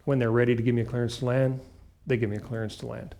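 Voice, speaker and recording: A man teaches flying in a mid-pitched voice. He explains procedures step by step, speaking in short, clipped phrases and leaning firmly on the key points. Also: level tone, rapid-fire, gravelly, warm tone. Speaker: flight instructor. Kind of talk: instructional talk with acted radio call examples.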